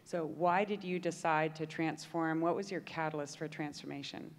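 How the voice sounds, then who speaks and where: A woman with a notably low voice leads an on-stage panel in an upbeat, chatty way, prompting her guests. Her voice carries a long hall reverb from the conference stage. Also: normal speed. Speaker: panel moderator.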